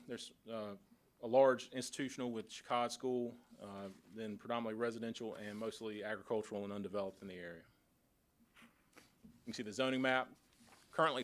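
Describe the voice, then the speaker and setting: A man from county planning staff presenting a formal report at a public board meeting. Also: mid-range voice. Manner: steady, procedural, reads from a report.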